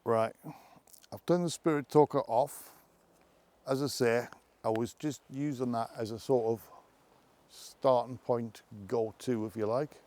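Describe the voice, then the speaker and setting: A man hunting ghosts outdoors in a forest at night. He calls out questions to spirits, then talks quietly to his companion. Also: mid-range voice, steady tone, a little slow. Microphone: camera held by a companion.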